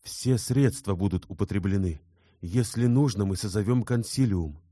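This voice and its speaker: An anxious young gentleman speaks with earnest urgency, trying to calm and reassure, as a male reader voices him. His voice sits fairly low and a little raised. The sound is close and dry. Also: normal speed, no room sound, lightly acted. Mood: reassuring.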